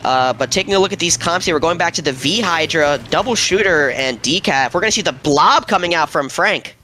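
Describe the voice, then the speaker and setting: A young man casting a competitive video game match, excitable and jokey, shouting at players on screen. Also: on the high side, a little fast, a little hiss or hum. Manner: hype, shouts at players, laughs often. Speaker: esports caster. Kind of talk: excited play-by-play commentary.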